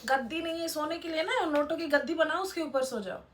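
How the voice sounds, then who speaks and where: High-voiced blunt young woman vlogger. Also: fairly quick. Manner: blunt, lecturing, addresses viewers directly. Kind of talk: motivational casual talk to camera.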